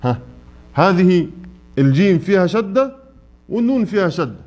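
A man's voice: high voice, sing-song, moderate pace, darkish tone, soft background music. A man with an Egyptian Arabic accent teaching a tajweed lesson in a mosque, stretching out his examples and quizzing students. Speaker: Quran recitation teacher. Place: mosque classroom.

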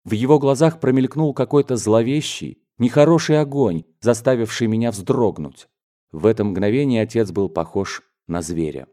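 A man reading a classic novel aloud as an audiobook narrator, in a steady, dramatic storytelling manner. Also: mid-range voice, normal speed. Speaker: audiobook reader.

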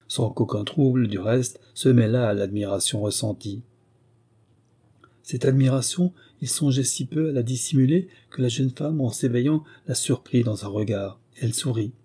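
Male audiobook narrator, mellow, slightly husky tone, steady storytelling delivery. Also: mid-range voice. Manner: steady storytelling, lifting his voice for the characters' exclamations. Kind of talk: scripted narration of a classic novel.

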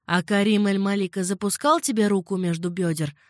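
A woman reading an audiobook, voicing a worldly old female servant who speaks calmly and patiently. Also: mid-range voice, fairly quick, dry recording, clean studio sound, lightly acted. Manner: unruffled, coaxing and patient.

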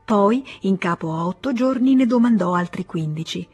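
A woman narrates a classic novel in a measured, expressive way, with a husky, breathy voice at an ordinary pitch. Soft music plays faintly underneath the reading. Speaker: audiobook narrator. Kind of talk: literary audiobook narration.

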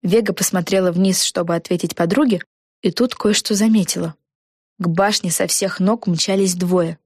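Woman reading a storybook, low-pitched. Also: normal speed, no echo, clean studio sound. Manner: even, clear storytelling. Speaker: narrator. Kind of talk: audiobook storybook narration.

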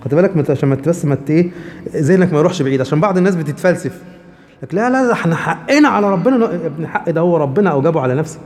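Egyptian-accented religious teacher, fast and a little high, lecture hall echo. Keeps checking the room with rhetorical questions. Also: male voice, lively intonation, darkish tone. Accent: Egyptian Arabic. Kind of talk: explaining hadith to a class.

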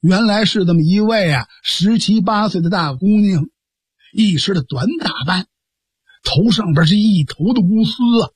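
A storyteller telling a traditional story in a lively, colloquial, dramatic way. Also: mid-range voice, normal speed, slightly rough, no echo.

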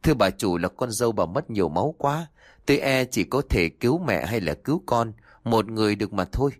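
A man's voice: on the low side, expressive, a little fast, dry recording, clean studio sound. A man voicing a dutiful older village midwife in an audio story, speaking humbly and deferentially.

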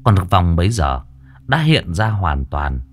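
Low-voiced man telling a ghost story. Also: measured pace. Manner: dramatic, expressive.

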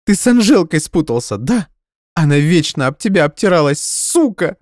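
A man voicing a hysterical young woman who shouts through tears in an audiobook. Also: wildly swooping pitch, fairly quick, slightly rough, no room sound, clean studio sound, exaggerated voice. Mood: furious, tearful. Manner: shrill, sobbing outbursts.

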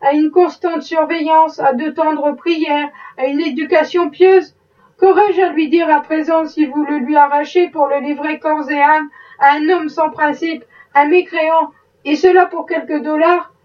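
A woman's voice: high-pitched, flat delivery, measured pace. A woman reading the part of a pious, indignant plantation wife, pleading in earnest. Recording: muffled, distant mic.

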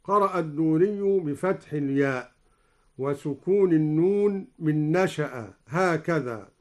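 A man with a notably high voice explains recitation variants in a formal, measured way. He speaks slowly and drops into drawn-out chanted recitation for each verse he quotes. The sound is a clean radio studio recording. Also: darkish tone. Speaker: Quran recitation teacher.

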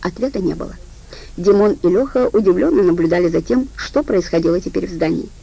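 Gravelly woman reading a crime audiobook. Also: on the low side, quick pace, warm tone, poor audio. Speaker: audiobook narrator. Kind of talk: scripted audiobook narration.

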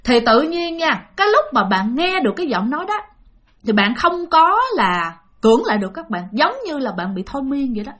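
A woman's voice: high voice, very animated, brisk, fairly bright tone. A woman retelling a ghost story, chatting and speaking straight to her listeners. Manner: chatty, addresses listeners directly.

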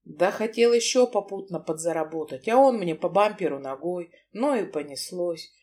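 Audiobook figure: a sleepy, evasive young man, low and mumbling, read by a woman narrator. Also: expressive, normal speed, a little mellow, natural voice. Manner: drowsy, mumbling.

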